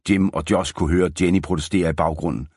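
A man narrating an audiobook in a steady storytelling manner. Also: deep voice, slightly rough, dry recording. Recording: dry close studio sound.

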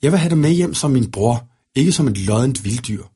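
A man's voice: mid-range voice, animated, mellow, breathy edge. A man voicing a determined, worried young princess in a storybook reading, speaking earnestly.

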